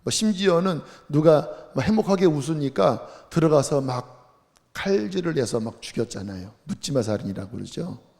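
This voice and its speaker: A male pastor delivers an impassioned sermon. His voice sits high and carries a gravelly edge. The church sanctuary lends it a long, lingering reverb. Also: animated, moderate pace, a little mellow. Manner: impassioned, voicing anguished outbursts.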